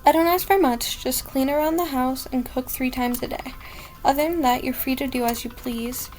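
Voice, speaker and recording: A woman's voice: sits high, steady tone, normal speed, darkish tone, lightly acted, poor audio. A woman voicing an aloof, reclusive noblewoman giving orders to her new maid in a game. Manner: cool, curt, commanding.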